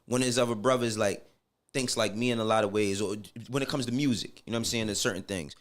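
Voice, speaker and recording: A middle-aged man from Harlem, New York, with a New York accent and a fairly low voice, talks fast. He's a podcast guest speaking candidly and casually, using slangy, emphatic phrases and often checking that the listener is following.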